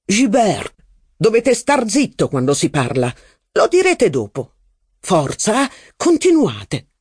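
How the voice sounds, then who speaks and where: Male narrator doing a fiery young aristocratic officer, high and insistent, bursting with enthusiasm. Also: no echo, clean studio sound. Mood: excited. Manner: excitable, insistent, quick to cheer.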